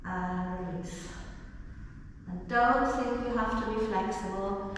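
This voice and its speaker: A woman leading a guided stretching class with meditative cues, speaking in a gentle, reassuring and unhurried way. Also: mid-range voice. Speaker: movement and stretching instructor. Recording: very echoey reverberant room, distant, faint noise.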